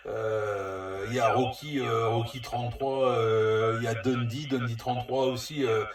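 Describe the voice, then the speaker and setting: A man working a CB radio chats casually and rambles hesitantly, his medium-pitched voice fairly even in intonation and measured in pace. Crowd noise fills the background, and the distant mic placement gives a roomy echo.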